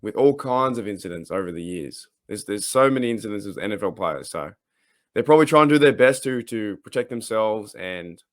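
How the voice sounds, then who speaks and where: An Australian man hosts a casual sports podcast, his low-leaning voice animated yet rambling, hesitant and halting. The sound is dry and clean, studio quality.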